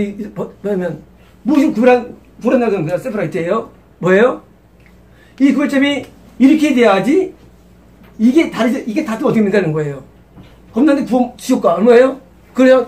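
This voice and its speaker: A man's voice: high voice, a little mellow, far from the mic. A man preaching an expository sermon as pastor. He asks rhetorical questions and acts out Moses and God.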